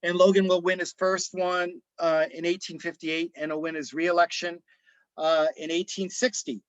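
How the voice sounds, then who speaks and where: A man lectures on history in a storytelling way, stopping often for ums and restarting his sentences. His voice sits a little high. The sound is dry and somewhat dull, like a lo-fi video call microphone. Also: little pitch movement, normal speed, no room sound. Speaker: author and presenter.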